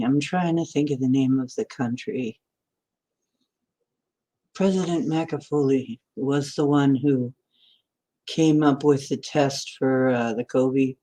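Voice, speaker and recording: With a very deep, darkish voice, a livestream host in her sixties chats in a meandering fashion, picking up viewer comments as she goes.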